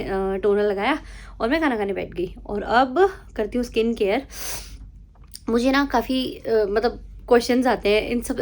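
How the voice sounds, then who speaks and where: High-voiced young woman vlogging chattily. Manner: chatty, mixes English phrases into Hindi; animated storytelling. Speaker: vlogger and new mother. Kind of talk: casual vlog chat. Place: at home.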